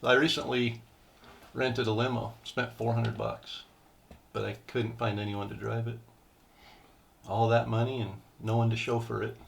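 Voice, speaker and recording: A man's voice: medium pitch, level tone, normal speed, long pauses. A man casually chatting and telling dad jokes. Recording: clear background noise, clicks.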